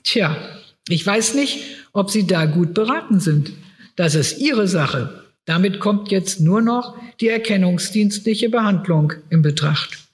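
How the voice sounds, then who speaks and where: A man's voice: high voice, lively intonation, a little slow, voice pushed up. A man reading aloud as a sly blond police officer who coolly pressures a woman. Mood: pressuring. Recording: reverberant hall.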